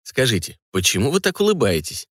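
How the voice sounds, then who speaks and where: A man playing a stern middle-aged cavalry colonel and father, measured and dryly ironic. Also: mid-range voice, wildly swooping pitch, a bit bright, dry recording. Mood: fatherly. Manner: stern, measured, dry irony.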